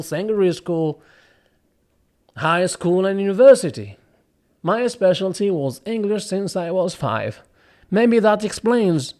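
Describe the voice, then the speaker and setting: Talking to camera in a casual way about voiceover work, this actor, a native Arabic speaker, has a slightly high-pitched voice. He is earnest and explanatory, often restarting and going off on asides.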